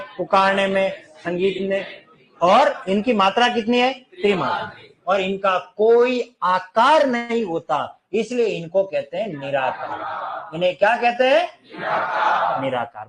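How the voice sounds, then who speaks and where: A man teaching a classroom lecture, lively and questioning, stretching and singing out examples for his students. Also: high voice.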